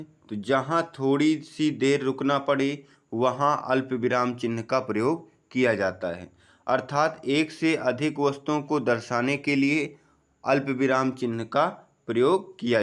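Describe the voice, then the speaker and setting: A man giving an exam-prep grammar lesson, slowly explaining, asking and answering his own questions, often saying "okay" and "friends". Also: fairly bright tone. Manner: drops low on the answer words. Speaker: teacher.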